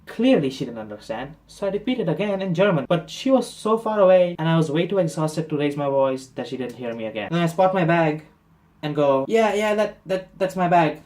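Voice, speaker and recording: A man's voice: a little high, expressive, a little fast, a little mellow. Exasperated man narrating a travel mishap. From India. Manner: exasperated, self-mocking storytelling. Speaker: travel vlogger. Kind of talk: vlog narration and commentary.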